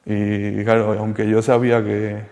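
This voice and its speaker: A man from Colombia, giving a halting, soft-spoken personal testimony in an interview. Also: lowish voice, completely flat delivery, long reverb tail. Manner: halting and soft-spoken, circling back with many restarts. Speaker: interviewee sharing a rehabilitation testimony.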